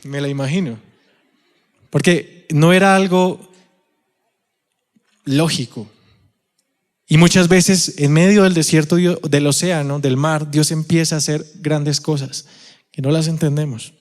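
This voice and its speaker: A man with a Colombian accent preaching a sermon in a church auditorium, telling the story with animated acted-out quotes and questions to the congregation. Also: a little high, measured pace, pauses often. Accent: Colombian Spanish. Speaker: pastor. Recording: long hall reverb.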